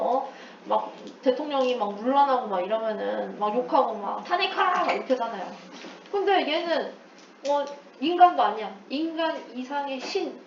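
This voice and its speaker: A woman's voice: sits high, darkish tone, recorded from a distance, slight background noise. A woman teacher giving an English lesson, explaining with playful asides and mixing in English terms. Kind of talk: recorded lecture. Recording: echoey room, away from the mic, dull lo-fi sound.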